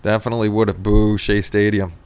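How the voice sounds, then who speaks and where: A man's voice: fairly low pitch, level tone, fairly quick, a little mellow, clean tone. A middle-aged man with a Queens New York accent chats casually as a livestream host, rambling along and repeating his phrases. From Queens, New York City, USA. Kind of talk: casual chat, reading and answering live chat.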